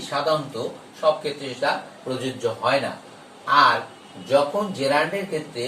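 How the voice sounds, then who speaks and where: A man teaching an English grammar lesson, slowly dictating and stressing his examples. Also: a little high, a bit bright, far from the mic. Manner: slow, emphatic dictation of examples. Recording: echoey room, off the mic, faint hiss.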